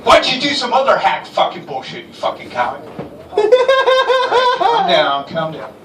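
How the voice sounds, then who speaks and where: Man, stand-up comic, high voice, profane riffs, far from the mic, background noise. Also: very animated, fast talker, a bit bright. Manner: loose, profane, rambling riffs. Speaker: stand-up comedian. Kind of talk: stand-up set. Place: comedy open mic in a garage. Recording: roomy far-off live recording with noise.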